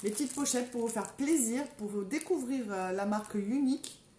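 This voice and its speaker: A chatty woman with a singsong southern French accent, talking her viewers through a live makeup tutorial and addressing them over and over. Her voice sits fairly high. The room echoes around her, with faint ambience behind. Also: moderate pace, warm tone, a little hiss or hum. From south of France. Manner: chatty, keeps calling out to viewers. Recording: roomy echo, faint background ambience.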